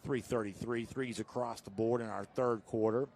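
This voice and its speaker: A man calls a high school football game from the booth in a voice of ordinary middle pitch. His delivery stays steady and full of detail, then lifts hard when a big play unfolds. A light hum of outdoor ambience sits behind him. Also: moderate pace, gravelly. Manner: steady, informative delivery that rises sharply on big plays. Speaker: play-by-play announcer.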